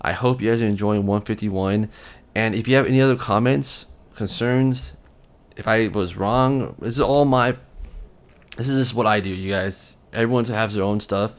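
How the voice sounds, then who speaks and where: A man with a fairly low voice talks straight to camera, offering casual collecting advice. His delivery is relaxed and rambling, full of ums and restarted phrases. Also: moderate pace. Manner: relaxed, rambling, repeats himself, frequent ums. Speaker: collecting channel host.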